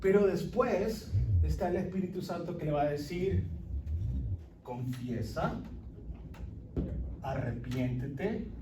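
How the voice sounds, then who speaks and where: Pastor de voz aguda en sala con eco. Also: male voice, sits high, normal speed, reverberant, distant mic, noisy background. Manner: animated, mixes English phrases, quizzes the group. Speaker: pastor leading a Bible study. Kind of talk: interactive sermon.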